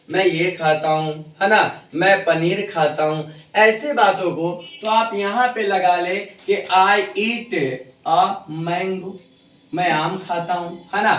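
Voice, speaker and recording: A man's voice: high-pitched, fairly bright tone. A man teaching an English grammar lesson, drilling example sentences over and over and calling his students his dear children. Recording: echoey room, voice from far off.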